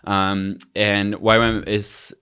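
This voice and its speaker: Podcast guest: young man from Costa Rica, low and smooth, relaxed chatty delivery. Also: slow pace. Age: young adult. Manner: relaxed, easygoing, with frequent restarts. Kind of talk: casual conversation.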